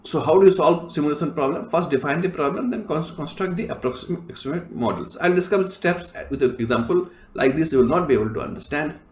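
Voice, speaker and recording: A male professor giving a recorded lecture, explaining step by step with many fillers and frequent throat clearing. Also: fairly high pitch, a little fast, hardly any pauses, roomy sound.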